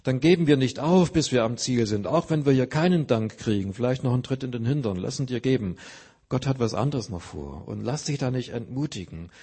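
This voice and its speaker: A man's voice: medium pitch, animated, fairly quick, dark tone, slightly rough. A man preaching a sermon, earnestly explaining scripture with everyday examples.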